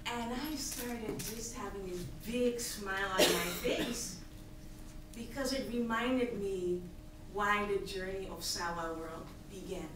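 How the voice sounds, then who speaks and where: An earnest woman from Tanzania, a nonprofit founder, delivers a prepared pitch from a podium on stage in a large, echoey hall, gesturing emphatically at her slides. Her medium-pitched voice stays steady as she speaks slowly, with a crowd audible behind her. The podium mic was captured by a distant audience camera, so the recording sounds far off, echoey, and hissy.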